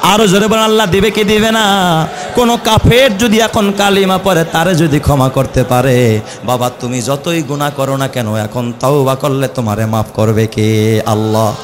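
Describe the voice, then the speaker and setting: A man's voice: on the high side, normal speed, a crowd in the background. A man with a Bangladeshi accent delivering an impassioned Islamic waz sermon, with repeated rhetorical questions and chanted verses. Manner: impassioned, rhetorical, repetitive building phrases, chanted Quran verses. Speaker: Islamic preacher, mufti. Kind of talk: rousing waz sermon with call-and-response questions to the congregation.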